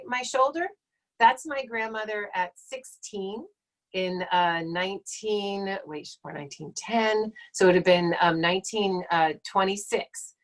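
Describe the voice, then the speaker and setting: In her late forties, a woman Egyptologist gives a talk and Q&A on a casual live stream from home. Her medium-pitched voice is relaxed and chatty, wandering into digressions, packed with fillers, and she often corrects herself.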